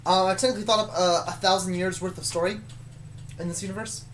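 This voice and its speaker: A fast-talking storyteller with a mid-range voice and fairly even intonation shares loose, hesitant stories about their own made-up universe, often correcting what they just said. Slight background noise is present.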